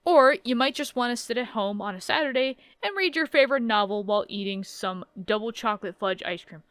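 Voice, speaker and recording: A woman's voice: on the high side, animated, a little fast, a bit bright, smooth, no echo. A woman in her thirties casually reading game text aloud and adding wry, joking asides in a playthrough. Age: 30s. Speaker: let's play host.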